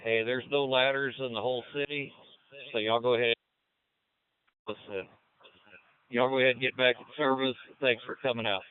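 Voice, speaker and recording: A man's voice: mid-range voice, fairly even intonation, moderate pace, pauses often. A man speaking as a battalion fire chief over a two-way radio. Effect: two-way radio transmission. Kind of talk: firefighter radio communication. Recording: dry, narrow-band radio channel.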